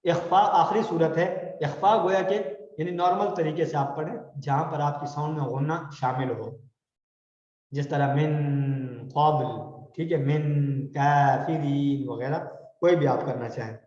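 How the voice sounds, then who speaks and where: Brief: male tajweed teacher, fairly high voice, patient call-and-response drilling, dull lo-fi hall recording. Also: a little mellow. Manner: explains slowly, drawing out example words for students to repeat. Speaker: Quran recitation teacher. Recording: echoey hall, dull lo-fi sound.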